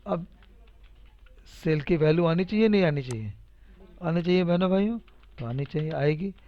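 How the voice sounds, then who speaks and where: A man's voice: on the high side, expressive, moderate pace, no echo. A man teaching a casual spreadsheet lesson, talking steps through in a chatty, repetitive, teasing and encouraging way. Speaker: computer teacher. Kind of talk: casual live spreadsheet tutorial. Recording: dull lo-fi recording.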